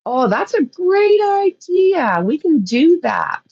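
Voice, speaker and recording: A woman with a Canadian accent hosts a livestream, chatting and rambling casually with viewers and laughing often. Her voice is extremely high-pitched, sing-song, and darkish in tone, at a slow pace, with lo-fi sound and no room sound.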